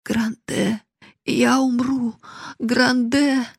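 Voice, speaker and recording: A woman's voice: a little high, little pitch movement, drawn-out words, gravelly, husky, dry recording, studio quality, voice pushed up, heavily acted. Woman voicing a frail fainting old wife. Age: older. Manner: weak, moaning. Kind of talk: audiobook reading.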